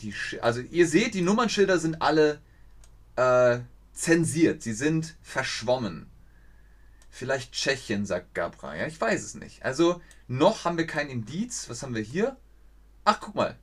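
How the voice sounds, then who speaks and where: Young man, casual streamer, thinks out loud, chats with viewers. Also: mid-range voice, very animated, measured pace. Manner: chatty, thinks aloud, reads viewer chat, stumbles over foreign names. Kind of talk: live-streamed geography game commentary.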